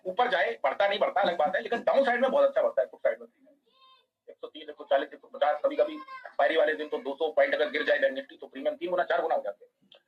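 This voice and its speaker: A man teaching a live online trading class, walking through a chart fast and asking students by name whether they follow. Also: high-pitched, breathy edge, lo-fi sound.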